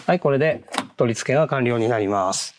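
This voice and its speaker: Male how-to narrator, mid pitch, polite and measured, step-by-step. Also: lively intonation, a little hiss or hum. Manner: polite, measured, repeats "hai" between steps. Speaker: product installation instructor.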